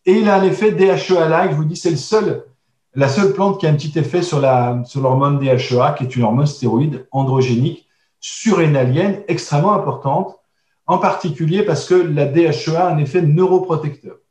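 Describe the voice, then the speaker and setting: In a recorded online lesson with slides, a man teaches a course on herbal medicine, hesitating often, restarting and making asides to his listeners. His voice is fairly high, brisk and a little mellow. The room is echoey and he sounds slightly distant.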